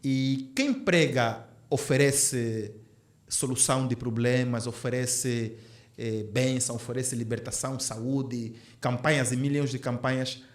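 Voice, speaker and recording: A man's voice: medium pitch, fairly even intonation, measured pace, echoey room. A man, co-hosting a casual podcast conversation and thinking aloud earnestly with many restarts. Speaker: podcast co-host.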